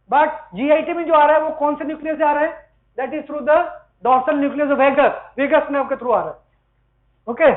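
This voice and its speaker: A male medical lecturer with a very high voice, speaking slowly as he moves between Hindi and English in an Indian accent. He walks the class through each step and keeps checking in with quick questions. The sound is thin and tinny, like a phone line. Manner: explains step by step, asks students rhetorical questions. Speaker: physiology lecturer.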